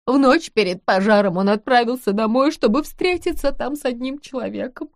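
A woman's voice: a little high, brisk, dry recording, pitched above the performer's own voice, lightly acted. A woman voicing a frail, hysterical middle-aged wife who wails and sobs, in an audiobook. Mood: sobbing. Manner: wailing, sobbing. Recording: dry close studio sound.

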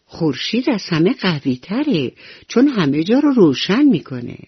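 A woman's voice: fairly low pitch, very animated, slightly rough, no room sound, full character voice. A woman voicing a curious little boy mouse in a children's radio story, who talks in an eager, earnest and questioning way. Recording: slightly dull radio recording with soft music.

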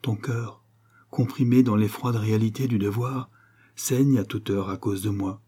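A man's voice: fairly low pitch, fairly even intonation, unhurried, dark tone, slightly rough. A man reading an audiobook, voicing an aging, selfless English lord who speaks in murmured, sorrowful declarations. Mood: grieving.

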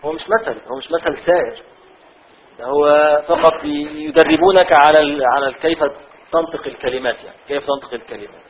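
A man with an Egyptian accent teaching a class on a classical law text. He reads a passage aloud, then explains it slowly with many repetitions. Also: medium pitch, slight background noise. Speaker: religious teacher. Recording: tinny phone-like audio.

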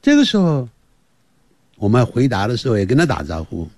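A man giving a slow English lesson for parents and children, teacherly and lively, repeating words slowly to demonstrate them. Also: medium pitch, no room sound, clean studio sound.

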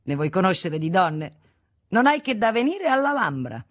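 A woman's voice: mid-range voice, big pitch swings, normal speed, no echo, clean studio sound, pitched above the performer's own voice. A woman voicing a mocking young man who teases his friend, in a literary audiobook. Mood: teasing. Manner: teasing, drawn out.

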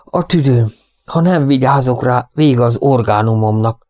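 A man's voice: medium pitch, darkish tone, dry recording, clean studio sound, natural voice. A man reading an audiobook, voicing a vain, fussy stage actor who is theatrical and self-pitying.

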